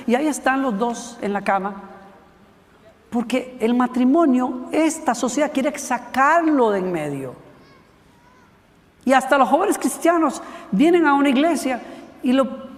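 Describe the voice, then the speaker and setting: A male pastor delivers an animated sermon, slipping into the voices of the characters as he retells a Bible story. His voice sits high for a man. The sound has the long reverb of a church hall. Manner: animated storytelling, acting out voices of biblical figures. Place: church sanctuary.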